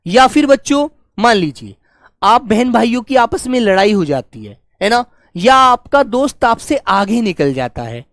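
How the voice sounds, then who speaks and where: A man's voice: extremely high pitch, very animated, a little slow, dry recording, studio quality. A man teaching an online class who keeps addressing his pupils as dear children and checks in with "okay" again and again. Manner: acts out loud calls to demonstrate.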